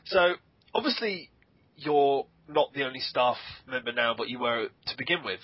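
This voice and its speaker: A man's voice: mid-range voice, animated, normal speed, husky, no room sound, muffled recording. A man hosting a casual group interview, joking and informal. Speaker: interviewer, host.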